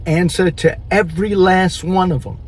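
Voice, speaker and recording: A man vlogging in a casual monologue, chewing gum, talking with drawn-out rhetorical asides. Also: high voice, fairly even intonation, poor audio.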